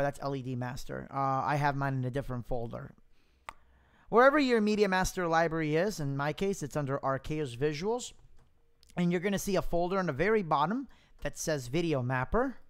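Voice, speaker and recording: Guy doing a live software walkthrough, smooth higher-ish voice, chatty, thinking out loud, mic pops. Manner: informal, thinking aloud. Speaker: software demo presenter. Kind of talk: casual live screen-share tutorial. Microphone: close mic without pop filter, popping plosives.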